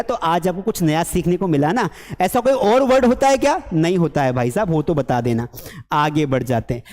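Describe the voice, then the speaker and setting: A high-pitched male voice with a darkish tone carries through a large hall. He is an Indian teacher running a conversational spoken English class, asking his own questions, supplying the answers, and imitating his students.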